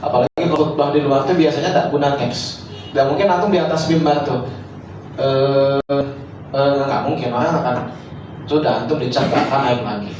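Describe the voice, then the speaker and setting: A man's voice: medium pitch, fairly even intonation, normal speed, darkish tone. A man teaching students, giving instructive feedback with rhetorical questions. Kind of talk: evaluation talk to students after speech practice. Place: school hall. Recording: echoey hall, distant mic, noisy.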